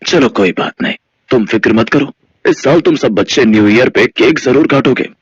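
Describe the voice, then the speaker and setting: A man voicing a gentle, generous male ghost who speaks in a soothing, reassuring way. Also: medium pitch, moderate pace, husky, no echo. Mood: kindly. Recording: dull lo-fi audio.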